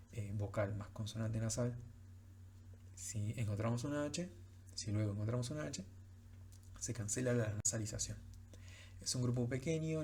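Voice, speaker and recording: A man's voice: medium pitch, creaky, dark tone, slight background noise. A man teaching French pronunciation in a recorded lecture, explaining patiently with frequent fillers.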